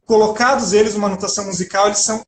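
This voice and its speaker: Brazilian man, high voice, roomy video call sound, earnest and reflective. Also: steady tone, rapid-fire. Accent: Brazilian Portuguese. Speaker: co-host, liturgical music educator. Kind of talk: casual chat over a video call.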